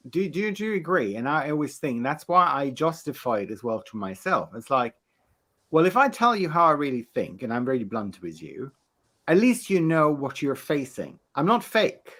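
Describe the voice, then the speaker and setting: A man co-hosting a casual chat, blunt and quick to laugh, repeating words when excited. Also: a little high. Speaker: podcast co-host.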